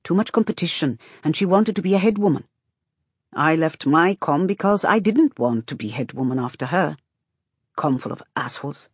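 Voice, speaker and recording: A woman's voice: low-pitched, animated, moderate pace, breathy edge, no echo. A woman voicing a blunt, stubborn, teasing woman in audiobook dialogue, with a sardonic, needling manner.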